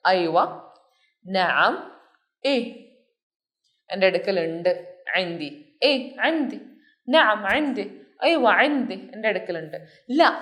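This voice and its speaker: Woman w teaching a language lesson, keeps repeating example phrases, very animated pitch. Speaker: Arabic teacher.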